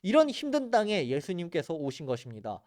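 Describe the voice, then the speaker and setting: A man's voice: on the high side, huge pitch swings, a little fast, a little mellow, dry recording, clean studio sound. A man teaching a church Bible geography class in an earnest, explanatory way. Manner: earnest, explanatory, points at maps and photos.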